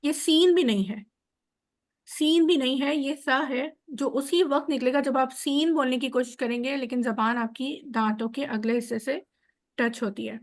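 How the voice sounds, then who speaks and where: A woman giving an online lesson on Arabic letter sounds, explaining patiently step by step over a video call. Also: sits high. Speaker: Quran teacher.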